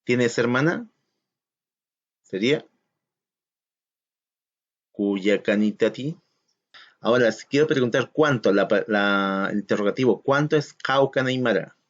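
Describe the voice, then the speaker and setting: A man's voice: mid-range voice, moderate pace. A man teaching a recorded school lesson, explaining step by step and asking the class questions. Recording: dull lo-fi sound.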